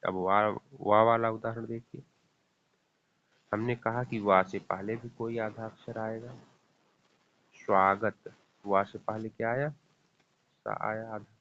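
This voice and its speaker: A man with a lowish voice gives a grammar lesson at a slow, patient pace. He repeats each example and quizzes the viewer as he goes. The sound is thin and tinny, like a phone line. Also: little pitch movement, a bit bright, a little hiss or hum. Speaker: teacher.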